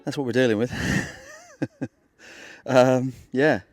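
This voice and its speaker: A man from England vlogging while metal detecting in a muddy field, chatty and excitable, talking straight to his viewers. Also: medium pitch, brisk, music in the background. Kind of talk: casual outdoor vlog narration.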